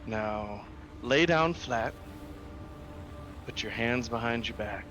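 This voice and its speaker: A man voicing a winged warrior, a merciless captor in a tabletop game, who speaks with the calm menace of a psychopath. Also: medium pitch, slow, faint music behind. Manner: calm, menacing, like a serial killer.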